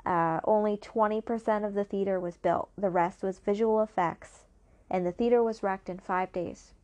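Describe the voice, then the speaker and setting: A woman's voice: medium pitch, fairly even intonation, moderate pace, a little mellow. Enthusiastic woman sharing movie trivia. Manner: enthusiastic, reads trivia notes, teases her co-host. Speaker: podcast co-host. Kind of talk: casual movie review chat.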